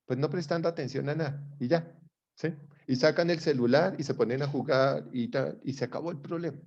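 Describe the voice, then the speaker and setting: A middle-aged Colombian man teaches an online class in a voice of ordinary pitch. He talks in a chatty way and keeps asking whether his students are following. The video call audio sounds dull and lo-fi. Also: a little mellow. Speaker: psychology lecturer.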